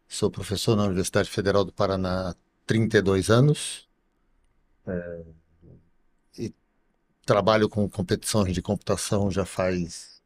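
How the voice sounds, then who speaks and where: A middle-aged man with a somewhat low voice speaks as a professor guest on a podcast. He explains at an unhurried pace, pausing often and checking in with small tag questions. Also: darkish tone. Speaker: computer science professor guest. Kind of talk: podcast interview.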